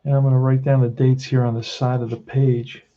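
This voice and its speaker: A man's voice: mid-range voice, little pitch movement, fairly quick, warm tone, muffled recording, slight background noise. A man in his sixties with a Queens, New York accent, chatting casually and bluntly in an off-the-cuff hobby tutorial. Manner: blunt, plain-spoken, addresses listener as "man". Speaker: tabletop baseball hobbyist giving a tutorial.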